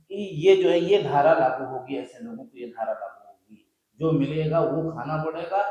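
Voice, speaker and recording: A man's voice: a little high, dark tone. Impassioned preaching man, very echoey room. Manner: preachy, repeats lines for emphasis. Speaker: video host. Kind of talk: impassioned social sermon.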